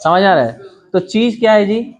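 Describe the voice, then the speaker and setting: A young man from India leads a computer lesson in a raised, high-pitched voice. He explains each step patiently and keeps turning to his students with quick rhetorical questions. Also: lively intonation. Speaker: computer teacher. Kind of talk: classroom lesson.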